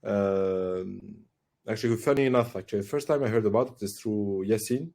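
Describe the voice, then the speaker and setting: A man's voice: fairly low pitch, fairly quick, darkish tone. A man in his forties from Tunisia, a podcast guest talking thoughtfully with many fillers and restarts. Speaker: guest, AI director. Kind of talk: casual podcast interview.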